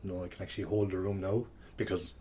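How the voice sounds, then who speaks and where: A man of thirty speaks in a fairly low voice with a strong west of Ireland accent from Kerry. He rambles candidly in casual podcast chat, with noticeable noise behind him. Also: flat delivery, fast, warm tone. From County Kerry, Ireland. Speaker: podcast guest, sports coach.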